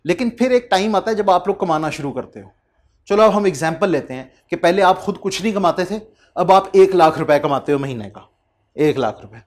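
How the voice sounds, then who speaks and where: This accountancy lecturer, a Pakistani man in his thirties, has a high voice with lively intonation and a darkish tone. His delivery is conversational; he reads English passages unhurriedly and directs rhetorical questions at the class.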